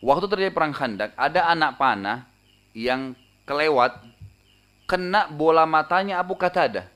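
A man's voice: fairly high pitch, moderate pace. A man retelling a story in a sermon, acting out the voices in it. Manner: lively retelling with acted voices. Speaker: preacher.

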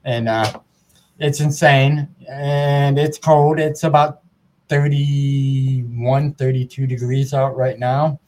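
A man's voice: mid-range voice, little pitch movement, takes it slowly, a little mellow, slight background noise. A man hosting a casual podcast interview, friendly, chatty and easygoing. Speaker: podcast host.

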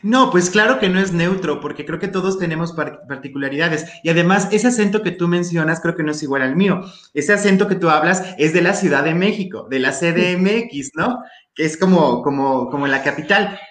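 Recorded in an echoey room, this Mexican-accented guest voices critical opinions in casual conversation, peppering them with local slang. His delivery is a little fast, with a fairly high pitch and a fairly bright tone.

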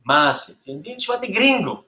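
A man's voice: high voice, very animated, bright, forceful tone, echoey room. Man teaching rhythm, counting beats aloud. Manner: counts beats aloud and vocalizes drum patterns; patient, explanatory. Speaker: music teacher. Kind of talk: explaining rhythm in an interview.

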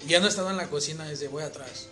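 A man's voice: fairly high pitch, racing. A man in a casual chat, thoughtfully explaining with examples. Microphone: phone. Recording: music clearly behind.

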